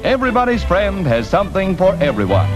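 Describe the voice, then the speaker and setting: A man delivers 1940s newsreel narration in a brisk, upbeat announcer manner. His voice sits a little high and swings widely in pitch. Loud music runs under the old newsreel soundtrack. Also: wildly swooping pitch.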